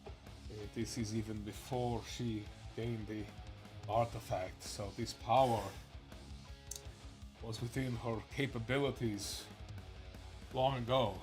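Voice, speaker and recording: A man role-playing at a tabletop game, speaking in formal, measured phrases. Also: mid-range voice, flat delivery, a little mellow, soft background music. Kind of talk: in-character role-play.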